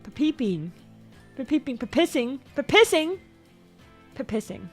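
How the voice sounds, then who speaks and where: On a livestream, a young woman chats casually and very animatedly, a little slowly, rambling, repeating herself and stumbling over words. Now and then her voice leaps suddenly into high squeaks, with faint music playing behind her.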